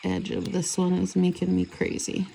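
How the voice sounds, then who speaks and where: A woman's voice: on the low side, completely flat delivery, normal speed, creaky, warm tone, a little hiss or hum. A woman chatting casually and rambling as she does her nails. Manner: chatty, rambling, self-correcting. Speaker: nail vlogger. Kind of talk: casual chat while doing nails.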